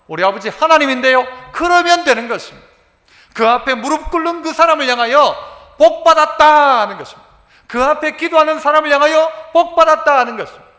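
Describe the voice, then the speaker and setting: A male pastor preaching a sermon, animated and acting out dialect dialogue. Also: very high voice. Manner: animated, quotes dialogue in dialect, shouts for emphasis. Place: church sanctuary. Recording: church sanctuary with long reverb.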